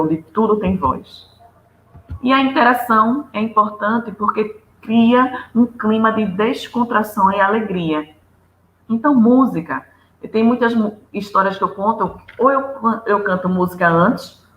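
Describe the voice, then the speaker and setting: A woman's voice: mid-range voice, echoey room, dull audio. A woman giving a lecture on storytelling, listing practical tips with examples in a didactic manner.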